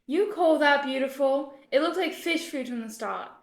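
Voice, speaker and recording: A woman's voice: high-pitched, animated, normal speed, gravelly. A woman playing a haughty spiteful ghost queen. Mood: haughty, scornful. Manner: scornful, imperious complaining. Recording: roomy echo.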